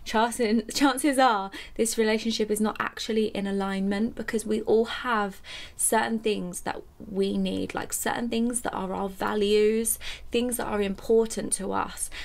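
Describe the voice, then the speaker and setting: A woman's voice: mid-range voice, gravelly. A young adult woman chatting casually to camera in a conversational, reflective way, repeating phrases for emphasis. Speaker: YouTuber and independent musician. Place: small furnished room at home, indoors.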